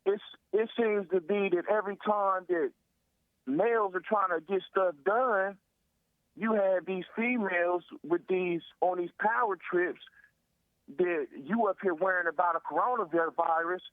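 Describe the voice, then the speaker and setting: A man's voice: high-pitched, a little slow, dry recording. A man calling in over a phone line to a talk show, chatting casually and rambling, often repeating stock phrases. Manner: rambling, repeats "long story short" and "you see what I'm saying". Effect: heard over the phone. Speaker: caller. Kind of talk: casual call-in chat.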